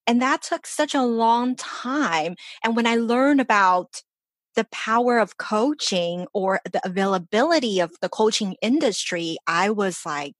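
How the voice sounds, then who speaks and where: A woman's voice: fairly high pitch, animated, unhurried, no room sound. A woman who grew up in Los Angeles, a life coach talking in a casual interview with upbeat, earnest motivation. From born in China, grew up in Los Angeles. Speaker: life coach, podcast guest.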